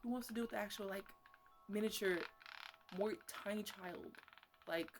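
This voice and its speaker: Taking on the role of a chatty botanist who mothers her plants and is quick to get exasperated, a woman improvises an ASMR roleplay in a halting, casual, playfully scolding ramble. Her mid-range voice sounds natural and playfully indignant, with background noise audible.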